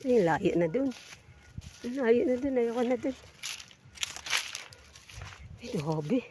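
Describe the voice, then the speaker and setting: A woman's voice: a little high, expressive, slow, noisy background. A woman vlogging as she walks around a farm, out of breath and exclaiming often in amazement. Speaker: vlogger filming a farm walk. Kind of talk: casual walking commentary. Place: outdoors on farmland.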